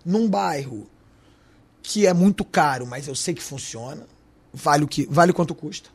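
A man's voice: fairly high pitch, moderate pace, slightly rough. A man with a Carioca accent, a restaurant owner talking in an interview, slangy and emphatic. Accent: Carioca Portuguese. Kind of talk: podcast interview.

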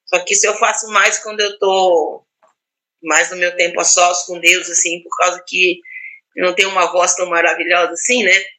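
A middle-aged woman pastor, speaking, talks about prayer in a reflective, personal way, often pausing with "né" and restarting her sentences. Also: fairly low pitch, flat delivery, pushed and bright, low-quality recording. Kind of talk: casual teaching talk on prayer.

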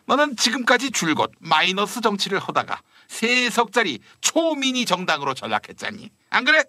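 A man's voice: high-pitched, big pitch swings, moderate pace, sharp tone, dry recording, clean studio sound. A man voicing a blunt, crude elderly male minister in a satirical period-drama parody, scolding and mocking as he talks. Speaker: satirical sketch performer. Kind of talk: satirical Joseon-era costume parody.

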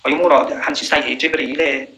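Guy preaching, reads verses slow then just talks them through, bright voice, echoey room. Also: medium pitch, fairly even intonation, gravelly, a little hiss or hum. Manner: recites Arabic verses slowly, then explains conversationally. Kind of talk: Quran commentary sermon.

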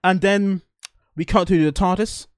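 A man's voice: high-pitched, steady tone, measured pace, clear, resonant tone, no room sound, studio quality. Giggly man recapping an episode. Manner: laughs often, stumbles and restarts, acts out quotes. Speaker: podcast co-host. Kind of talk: casual chat reviewing a TV episode.

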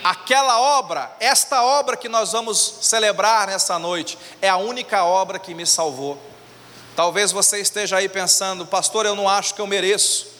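High, bright-voiced preacher in a hall. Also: male voice, normal speed. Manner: preaching, acts out quoted voices in a low hush. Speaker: pastor. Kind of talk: sermon with storytelling. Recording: echoey hall with faint ambience.

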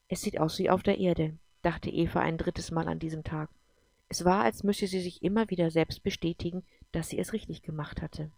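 A woman reading a novel aloud as narrator, in an even storytelling manner. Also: lowish voice, creaky, no echo. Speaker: audiobook narrator. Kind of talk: scripted narration.

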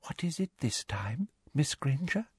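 A man voicing a prim, condescending woman teacher who speaks smoothly and sleekly. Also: fairly high pitch, huge pitch swings, measured pace, no room sound, clean studio sound, pitched above the performer's own voice, exaggerated voice. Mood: hushed sweet.

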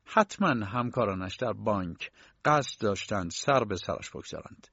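A man narrating a novel as an audiobook in a measured storytelling voice. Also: on the low side, lively intonation, creaky, a bit bright, slightly rough, no echo. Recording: dull lo-fi dry recording.

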